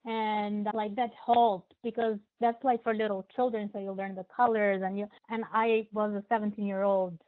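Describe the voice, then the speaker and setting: Brief: woman from Albania, Albanian native, thirties, measured podcast guest, phone-quality audio. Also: mid-range voice, level tone. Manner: measured, explanatory, with frequent fillers. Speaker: guest, crime analyst. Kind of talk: podcast interview. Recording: phone-like narrow band line.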